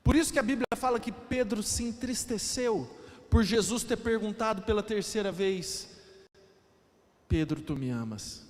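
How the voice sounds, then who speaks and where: A man's voice: high voice, fairly even intonation, moderate pace, a little mellow. A Brazilian man preaching a sermon as pastor. He explains with emphasis and acts out the quotes he reads. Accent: Brazilian Portuguese. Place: church hall. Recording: reverberant church hall.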